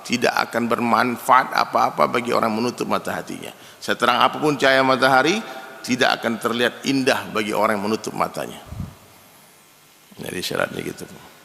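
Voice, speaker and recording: A man delivers a sermon with a gravelly, forceful voice. He tells stories in a lively way and keeps turning to speak straight to the men listening. His voice carries a long reverb, as if he were preaching in a spacious hall. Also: mid-range voice, brisk. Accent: Indonesian. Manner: lively storytelling, addresses the men in the audience as "Pak".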